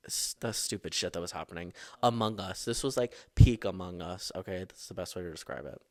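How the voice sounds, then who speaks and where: A young man hosting his own podcast, telling school stories in a dramatic, swearing, animated way. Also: low voice, fairly quick, no echo. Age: young adult. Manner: dramatic, profane, animated storytelling. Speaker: podcast host. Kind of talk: casual storytelling.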